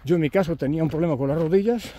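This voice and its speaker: A man's voice: a little high, rapid-fire, warm tone. A man, telling chatty anecdotes on camera while walking a rural trail, chuckling and acting out his companions' lines. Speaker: pilgrim vlogger.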